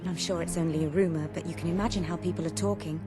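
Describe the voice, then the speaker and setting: Game role: caring confidante , female actor, gentle and worried, mid-pitched, prominent music underneath. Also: fairly even intonation, fast talker, lightly acted. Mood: anxious. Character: caring, worried young noblewoman, confidante to a prince. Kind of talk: video game voice acting. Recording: clear background music.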